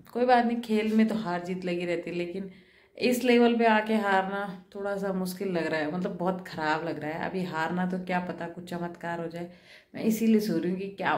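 Lowish-voiced woman chatting at home. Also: reverberant. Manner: chatty, talks straight to viewers and her son. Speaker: vlogger and mother. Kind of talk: casual home vlog. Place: at home, indoors.

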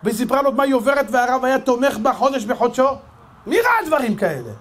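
A man with an Israeli Hebrew accent, a rabbi giving a sermon full of stories and acting out the dialogue. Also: extremely high pitch. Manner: animated storyteller, acts out dialogue. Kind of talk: sermon with storytelling.

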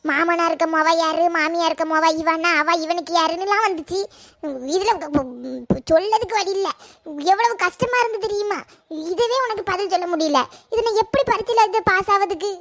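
A woman's voice: very high voice, moderate pace, fairly bright tone. A woman voicing a sulky young woman who just sat an exam. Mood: complaining.

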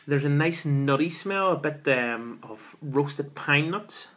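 A man's voice: fairly high pitch, animated, takes it slowly, pushed and bright. A man, reviewing a beer at home in a chatty, enthusiastic way with lots of fillers, filmed with a camera at arm's length. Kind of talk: casual beer review vlog. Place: small room at home, indoors.

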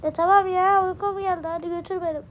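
A woman's voice: extremely high pitch, fairly even intonation, fast talker, a little hiss or hum, voice pushed up. A woman voicing a cheeky, insolent baby boy who taunts and whines. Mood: whiny. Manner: bratty, taunting, whiny.

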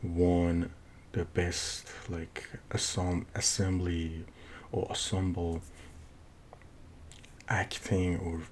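Low-pitched man with thick Persian accent. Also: completely flat delivery. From Iran. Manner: halting, searching for words with repeated false starts. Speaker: film reviewer. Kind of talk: casual unscripted movie review. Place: small home office, indoors. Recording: noisy room recording with low rumble.

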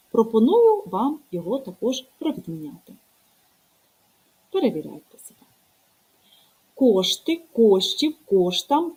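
A woman's voice: on the high side, darkish tone, husky, low-quality recording. A woman teacher giving an online grammar lesson, putting questions and tasks to her viewers.

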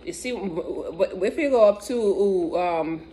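A woman's voice: lowish voice, expressive, measured pace, mellow, rough recording. A woman talking while chewing in a casual, rambling food review chat, with fillers and restarts. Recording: clear background noise.

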